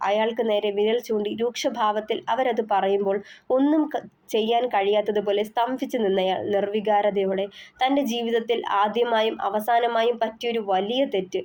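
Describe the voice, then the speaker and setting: A woman's voice: mid-range voice, a little mellow. Woman reading a novel aloud. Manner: emotive literary reading. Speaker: storyteller and author. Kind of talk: scripted novel narration.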